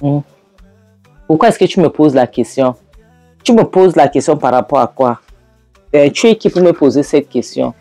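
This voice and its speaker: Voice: medium pitch, animated, normal speed, pauses often, dark tone, no echo, faint music behind, lightly acted. A storyteller voicing a defiant older woman who dismisses questions with scorn. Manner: combative, dismissive.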